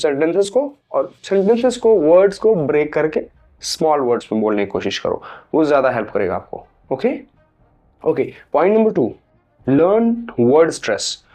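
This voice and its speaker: A young Indian man gives a pronunciation lesson, his voice sitting a touch high for a man. He explains patiently and repeats words slowly, stretching them. Soft music plays faintly behind him. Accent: Indian English. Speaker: English teacher. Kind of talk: pronunciation lesson in Hindi mixing English.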